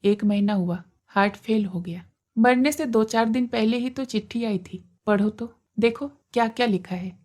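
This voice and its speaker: In a spoken storybook, a tender young widow, read by a woman, pleads softly through her grief. Her voice sits a little high, gentle and tearful. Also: moderate pace, lightly acted. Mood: grieving.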